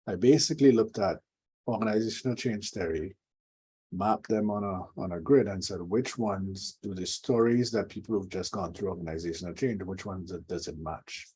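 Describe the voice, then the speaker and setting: A middle-aged man from Trinidad and Tobago speaks as an interview guest, reflective and drily funny. His voice sits very low and has a husky grain. He sounds a little away from the mic, as on a remote call. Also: a little mellow, poor audio. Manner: reflective storyteller, dry humor. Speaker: guest, leadership coach. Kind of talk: conversational interview.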